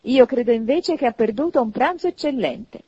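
A woman's voice: a little high, expressive, normal speed, dark tone, husky, no room sound, muffled recording, voice pushed up. A woman voicing an earnest, indignant young wife in a storybook reading. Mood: firm. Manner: exclaiming, heated.

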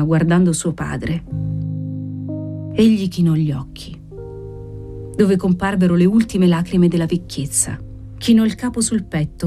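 Woman narrator, audiobook, mellow warm voice, dramatic reading, faint music behind. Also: lowish voice.

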